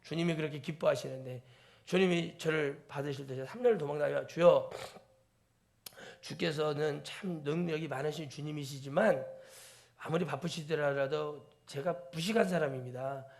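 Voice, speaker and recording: Gravelly Korean pastor preaching with big swings. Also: male voice, on the high side, normal speed. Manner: swings between soft near-whispers and loud exclaimed peaks; preaching with rhetorical questions to the congregation. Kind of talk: sermon. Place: church sanctuary.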